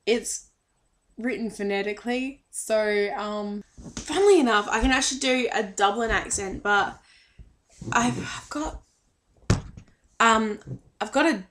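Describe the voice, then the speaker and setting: Slow, hesitant young woman. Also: on the high side, fairly bright tone, slight background noise. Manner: hesitant, many filler ums, self-described shy. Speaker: vlogger. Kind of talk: casual fan vlog.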